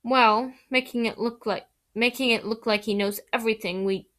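A woman's voice: on the high side, steady tone, normal speed, a bit bright, natural voice. A woman voicing a bristling, hot-tempered teenage boy. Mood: resentful. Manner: indignant, defensive.

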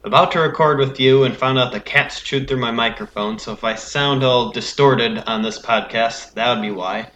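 A man hosts a casual sports podcast, his bright, forward voice crackling with fuzzy distortion from a damaged microphone. He sounds upbeat as he quickly runs through game results. The room around him rings with noticeable echo. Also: mid-range voice. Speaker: podcast host.

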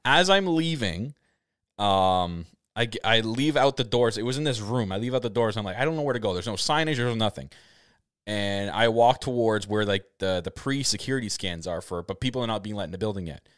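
A young man tells a story on a podcast with a lowish voice and an eager, tumbling delivery. He laughs often and restarts his sentences. The sound is close and dry. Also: a little fast, a bit bright, no room sound. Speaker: podcast co-host. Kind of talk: casual chat.

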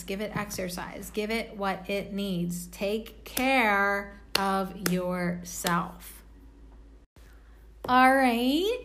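A young woman casually rambling with lots of fillers while reading oracle cards in a vlog. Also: mid-range voice. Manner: rambling, loose, full of "like" fillers. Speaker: oracle card reader.

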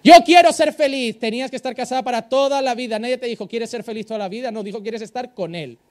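A male pastor with a Spain Spanish accent, preaching a sermon in an animated way and acting out the voices of the people he quotes. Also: extremely high pitch, fast.

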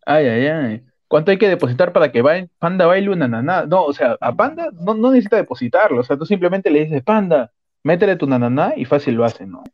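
Picture a man hosting a loose, comedic radio show, cracking jokes and breaking into laughter. His voice sits a little high. The recording sounds dull and lo-fi. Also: big pitch swings, brisk, no echo. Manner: joking, mock shouting, frequent laughter. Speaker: host. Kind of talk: casual comedic radio chat.

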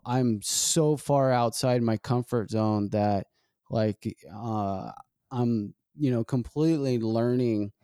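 A man hosting a podcast, talking in a halting, reflective way with many fillers and restarts. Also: medium pitch, warm tone, clean tone, dry recording, studio quality. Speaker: podcast host. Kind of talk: casual conversation.

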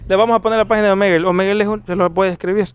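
A man's voice: high-pitched, fairly even intonation, racing, smooth. A young man, chatting casually with friends and joking with crude slang. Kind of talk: casual chat among friends.

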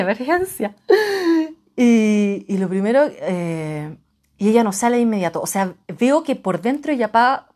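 A woman from Chile with a Chilean accent, telling a personal travel story dramatically, jumping between loud outbursts and hushed asides. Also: medium pitch. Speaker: travel vlogger.

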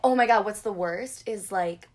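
A woman's voice: medium pitch, moderate pace. Rambling, self-deprecating woman in casual chat. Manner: self-deprecating, rambling, acts out quoted remarks.

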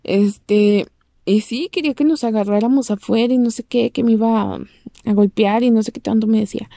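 Speaking at a normal pace with a creaky, dark voice, a young Mexican-accented vlogger chats to the camera about something that happened to her. She voices other people's lines in a squeaky impression. The audio is studio quality, free of room sound.

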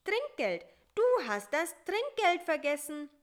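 A woman voicing a bossy, sharp-tongued little male fly in a read-aloud children's story, talking in a quick, shrill, scolding way. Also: sing-song. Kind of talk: storybook reading.

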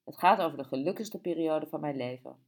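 A woman's voice: sits low, fairly quick. A woman voicing a flamboyant, vain and chatty grown woman who talks in a playful, showy way for an audiobook. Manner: playful, showing off.

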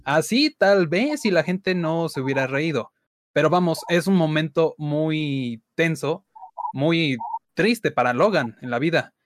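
A man co-hosting a casual movie chat, relaxed and slangy. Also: fairly high pitch, measured pace, no room sound. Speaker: podcast co-host.

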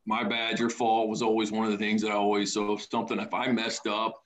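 A man, a high school baseball coach telling stories in a casual podcast chat. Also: quick pace, low-quality recording. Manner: storytelling, animated when quoting kids.

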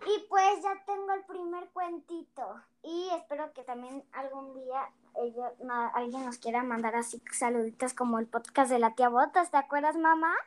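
A child slowly reading a picture book aloud, with small hesitations and restarts. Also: female voice, sits high. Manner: slow, careful reading with little hesitations. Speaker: young storyteller.

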